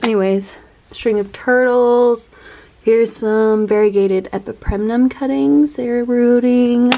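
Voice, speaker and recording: A woman's voice: fairly high pitch, fairly even intonation, slow, warm tone. A woman giving a casual, chatty tour of her houseplants as a vlogger, laughing at herself and sounding a little out of breath. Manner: chatty, self-deprecating, laughs often. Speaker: plant vlogger.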